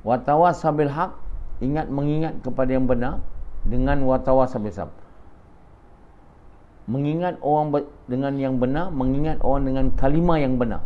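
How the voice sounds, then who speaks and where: A man's voice: mid-range voice, fairly quick. An older man with a Malaysian Malay accent giving an after-dawn religious talk at a small indoor gathering, blunt and scolding, calling on listeners by name. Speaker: religious lecturer. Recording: dull lo-fi sound with faint background hiss.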